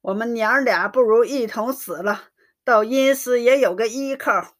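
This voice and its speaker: A woman's voice: on the high side, moderate pace, natural voice. A woman voicing a grieving mother in her fifties who pleads through tears. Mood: tearful. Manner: tearful, pleading. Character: grieving middle-aged mother, tearfully pleading.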